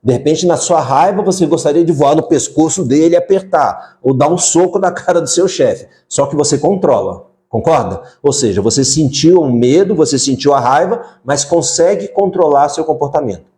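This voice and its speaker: A man's voice: fairly high pitch, lively intonation, moderate pace, hardly any pauses, mellow. A man, hosting a parenting live stream, talking casually and putting direct questions to the viewers. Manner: conversational, asks viewers direct questions, frequent fillers. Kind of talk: live-stream talk answering viewer comments.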